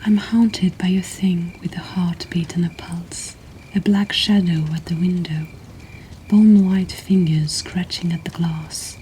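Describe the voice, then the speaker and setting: A woman in a whispered role-play, reading poems aloud in a slow, soothing, intimate voice. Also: lowish voice, fairly even intonation, warm tone, slight background noise, low-quality recording. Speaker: poetry reader and storyteller.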